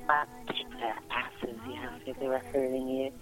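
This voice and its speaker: A woman's voice: very deep voice, level tone, normal speed, music in the background, poor audio. Brassy, flirty woman caller. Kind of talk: comedic call-in banter.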